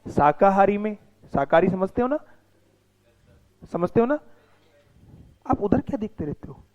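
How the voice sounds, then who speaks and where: A man's voice: high-pitched, lively intonation, measured pace, highs cut off. A man teaching a class, mixing the lesson with teasing and scolding of his students. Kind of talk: classroom lecture with banter.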